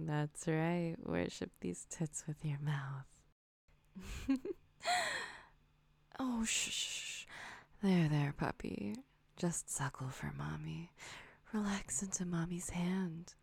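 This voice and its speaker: Slow breathy whispering woman. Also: low-pitched, no room sound. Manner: slow, soothing, doting, with frequent hums and soft giggles. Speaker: audio roleplay performer. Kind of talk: intimate whispered ASMR roleplay.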